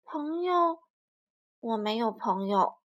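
A kind, gentle male sea reptile, voiced by a woman reading a storybook speaks in a soft, high voice. His tone is caring, and it rises and falls in a lilting, animated way. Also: slow, dull audio. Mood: sad.

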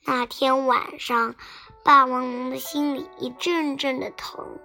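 A woman narrating a children's bedtime story in a soft, sing-song storytelling manner. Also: high-pitched, fairly even intonation, takes it slowly, creaky, faint music behind.

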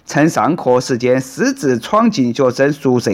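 A man's voice: mid-range voice, big pitch swings, moderate pace. A man with a Sichuan dialect accent delivering colloquial, storytelling news commentary as a host, in a sarcastic, punchy, folksy way.

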